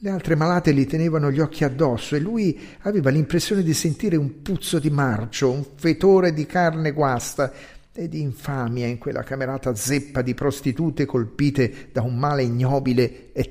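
A man narrating a literary story in a measured, expressive reading. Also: medium pitch. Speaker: audiobook narrator.

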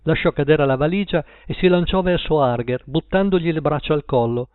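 A man narrating a story aloud in a measured storytelling manner. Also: on the high side, smooth, no echo. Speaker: audiobook narrator. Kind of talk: scripted narration. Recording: tinny phone-like line, dry.

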